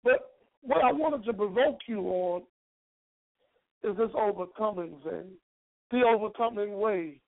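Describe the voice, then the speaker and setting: Hoarse frog-voiced preacher, croaky fry, deliberate emphatic sermon, rhetorical repeats, thin phone-like recording. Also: mid-range voice. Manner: emphatic, deliberate phrasing in short bursts. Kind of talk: teaching sermon with rhetorical repetition. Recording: narrow, phone-like sound.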